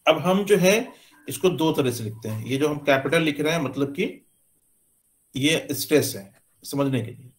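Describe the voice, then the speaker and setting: A man giving a classroom lecture, explaining slowly with many pauses and fillers as he points to what he writes. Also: on the high side, animated. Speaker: teacher. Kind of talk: classroom lecture on English stress.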